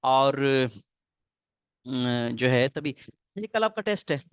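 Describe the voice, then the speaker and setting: A male English teacher, lecturing to a class on spelling rules, reading rules slowly and explaining them in quick asides. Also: medium pitch, animated, smooth, dry recording. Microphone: recorded lecture mic.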